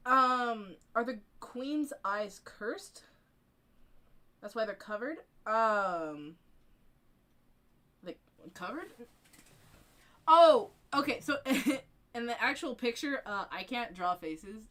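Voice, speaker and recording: A woman's voice: mid-range voice, fairly bright tone. A young woman streaming live, chatting casually in a bubbly, rambling way with lots of laughter and fillers. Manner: bubbly, giggly, rambling with many ums.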